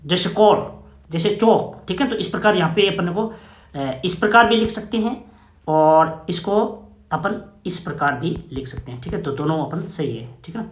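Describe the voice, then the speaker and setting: High-voiced man teaching in an echoey room. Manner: explains step by step with frequent "okay?" checks. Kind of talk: classroom phonetics lesson.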